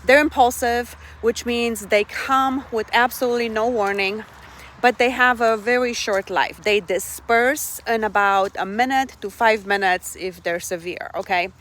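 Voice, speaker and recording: A middle-aged Romanian woman with a medium-pitched, slightly bright voice offers casual life advice earnestly. She keeps checking in with her listeners, asking "okay?" and "right?"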